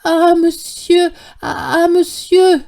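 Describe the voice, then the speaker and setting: A woman voicing a flustered, joyful old man who stammers out high cries in an audiobook reading. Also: flat delivery, drawn-out words, darkish tone, full character voice. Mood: overjoyed.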